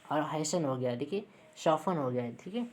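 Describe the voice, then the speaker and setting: Woman teacher, very low voice, repeats points often, faint room noise. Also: expressive, normal speed, darkish tone. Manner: repeats points, checks in with "ठीक है". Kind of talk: classroom lesson.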